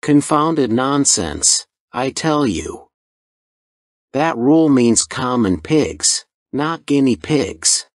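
A man voicing a furious, pompous middle-aged customer in a storybook reading, shouting indignantly. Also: mid-range voice, sing-song, slow pace, dry recording, studio quality. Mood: outraged.

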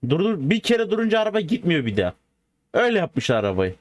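A man with a slightly high voice talks through a driving game in loose, slangy commentary. He is excitable and joking, bantering with the viewers as he plays. He sounds like a video host chatting off the cuff. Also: quick pace, dry recording. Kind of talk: casual gameplay commentary.

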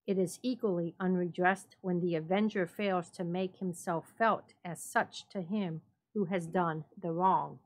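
A woman narrating a classic story as a dramatic reading, measured and deliberate. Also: on the low side, steady tone.

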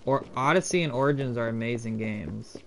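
A man's voice: medium pitch, fairly quick, slight background noise. A man streaming gameplay live, reacting with frustrated outbursts and a lot of swearing. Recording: game music playing behind.

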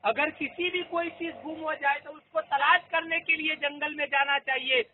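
A man's voice: very high-pitched, normal speed, slight background noise. A man telling a moral story as a devotional sermon, repeating key lines for emphasis. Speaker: preacher. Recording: tinny phone-like audio.

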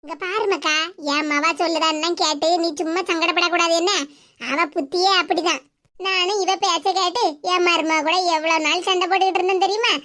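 A shrewd, sharp-tongued older mother-in-law from a cartoon as a woman voices her, scolding and teasing in a Kanyakumari Tamil accent. Her voice is very high and bright. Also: fairly even intonation, a little fast. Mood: confiding.

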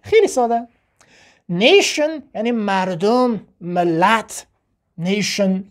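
A woman with an Afghan Dari accent teaching a spoken language lesson, slowly repeating words for drill and asking and answering her own questions. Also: mid-range voice, lively intonation. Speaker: English teacher.

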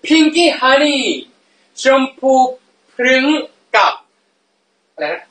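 A man's voice: extremely high pitch, slow pace, a bit bright. A man hosting a casual live stream, playful and giggly, often breaking into laughter. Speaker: livestream host. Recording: echoey room, mic at a distance.

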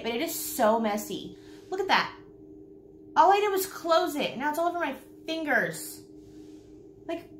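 A woman in her thirties chatting casually through a makeup tutorial as a beauty vlogger, repeating herself for emphasis. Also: mid-range voice. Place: small indoor room at home, seen on camera. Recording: roomy home recording with faint noise.

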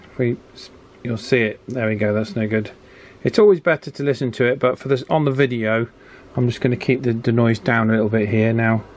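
Brisk and mid-range in voice, a hobbyist shows how to align a radio while working at an indoor bench. His tutorial is casual and hands-on, full of informal thinking out loud. Clear background noise from the workbench runs through the clip.

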